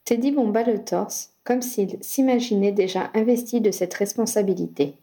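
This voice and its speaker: Woman audiobook reader, mellow voice, steady even narration. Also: mid-range voice, moderate pace. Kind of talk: reading fan fiction aloud.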